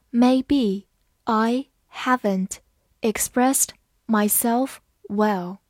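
Woman teacher, vocabulary lesson, unhurried delivery, dry close sound. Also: on the high side, a little mellow, no echo. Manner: spells words letter by letter and reads slowly for practice.

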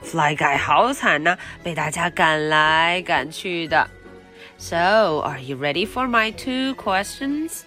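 Storyteller, young woman, unhurried, playful, swooping up and down, reads then explains for children. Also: lowish voice, animated, sharp tone, faint music behind. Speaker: picture-book reader for children. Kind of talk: bilingual storybook read-aloud.

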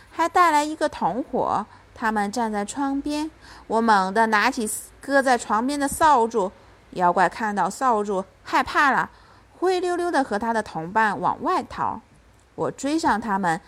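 A woman reads a bedtime story to her child in a gentle, soft-spoken way. Her voice sits a bit high. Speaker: mother telling a bedtime story.

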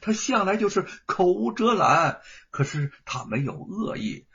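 A man storyteller voicing a gentle, devoted young wife who speaks softly and soothingly, on a dull lo-fi recording. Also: high-pitched, expressive, unhurried, creaky, slightly rough, voice pushed up, heavily acted. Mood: coaxing.

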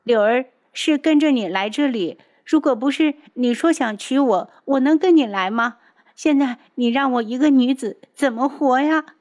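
一位女性朗读者演绎一个黏人又爱哭诉的年轻女子，语气哀求。. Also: female voice, sits high, moderate pace, darkish tone, pitched above the performer's own voice, natural voice. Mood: whiny pleading. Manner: tearful pleading. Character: whiny clingy young woman.

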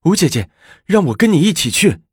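Man doing a worried loyal young woman, pleading, raised pitch, husky. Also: very animated, brisk, dry recording, clean studio sound, heavily acted.

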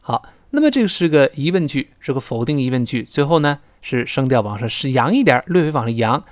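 Guy teaching english sounds, super expressive pitch, dry close mic. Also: no room sound. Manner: explanatory, stretches example words slowly, animated emphasis. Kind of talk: explaining lesson to listeners.

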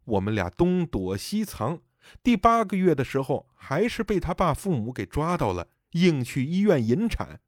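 A man voicing the grieving spirit of a dead elderly mother, speaking softly and sorrowfully. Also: fairly high pitch, very animated, normal speed, dry recording, clean studio sound. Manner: soft, sorrowful pleading.

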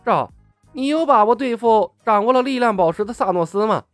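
A man voicing a gruff, sarcastic male talking raccoon mercenary in an audiobook story. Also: high voice, expressive, fairly quick, dry recording, soft background music, voice pushed up. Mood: questioning. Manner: grumbling, sarcastic.

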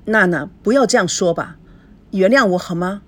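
A woman's voice: mid-range voice, moderate pace, fairly bright tone, natural voice. A woman voicing a desperate young husband who pleads urgently. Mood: pleading.

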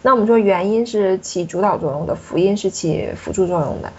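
A woman teaching French pronunciation in a classroom, her voice a little husky and breathy. She keeps asking her student questions and patiently walks through each sound. The recording is dull and lo-fi. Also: medium pitch, brisk, darkish tone.

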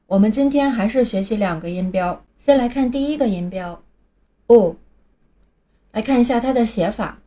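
A woman narrating a scripted pronunciation lesson, speaking clearly and deliberately and spelling words out letter by letter. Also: fairly high pitch, mellow. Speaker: English pronunciation teacher.

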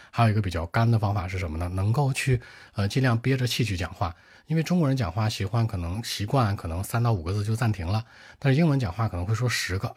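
A man with a husky, fairly low voice gives an exam-prep lesson. He talks quickly and briskly and turns often to address his viewers directly. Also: a little mellow. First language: Mandarin Chinese. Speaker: IELTS speaking teacher.

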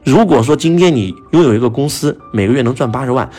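A man's voice: medium pitch, animated, fast, dark tone, soft background music. A man giving a motivational lecture to an audience, telling a personal story and asking many rhetorical questions. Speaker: motivational speaker.

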